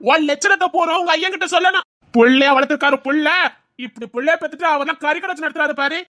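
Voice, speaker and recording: A woman's voice: high voice, fast, sharp tone. A woman voicing a hot-tempered young village man, scolding and bossy.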